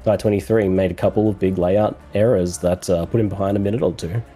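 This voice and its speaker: A man with a scratchy voice from a cold, commentating an esports race in a measured, analytical way with some fillers. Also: low voice, steady tone, dark tone, slightly rough, faint music behind.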